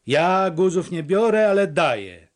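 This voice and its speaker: A man's voice: high voice, very animated, unhurried, voice pushed up. A man voicing a cocky young wanderer who banters boldly and teasingly. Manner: teasing, bold.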